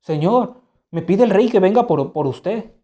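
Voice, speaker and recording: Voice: mid-range voice, lively intonation, unhurried, dark tone, close to an everyday voice. A storyteller voicing a fawning old courtier who speaks deferentially and eagerly agrees.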